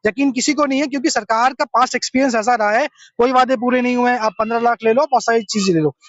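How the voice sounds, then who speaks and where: A man's voice: very high-pitched, fairly even intonation, fast, a bit bright, no room sound. Earnest young man explaining. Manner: earnest, explanatory, mixes English terms. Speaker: interviewee. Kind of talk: street interview. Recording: dull lo-fi sound.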